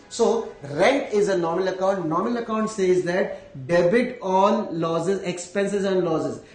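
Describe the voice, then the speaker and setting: A man's voice: high-pitched, a little mellow. A man with an Indian accent teaching accounting in a live lecture, explaining step by step, repeating phrases and checking that everyone follows. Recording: echoey room.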